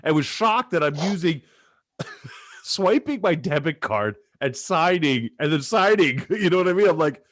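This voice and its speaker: Laughing guy with a lively voice. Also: on the high side, unhurried, no echo, clean studio sound. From Canada. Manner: joking, laughs often, animated teasing. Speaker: sports show co-host. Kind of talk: casual chat over a video call. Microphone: video call.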